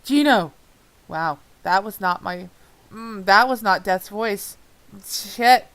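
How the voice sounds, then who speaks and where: Her voice medium in pitch, slow, clear and resonant with a fairly bright tone, a woman reads fan fiction aloud for an audio drama. She stumbles repeatedly, swearing and laughing at herself with self-mocking exasperation in these bloopers.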